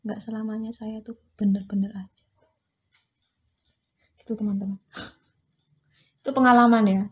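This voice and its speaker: A woman's voice: mid-range voice, flat delivery, moderate pace, pauses often, husky, lo-fi sound. A woman casually telling travel stories to her viewers while dyeing her hair, acting out both sides of each conversation. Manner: chatty, addresses viewers as friends, acts out dialogue. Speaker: vlogger.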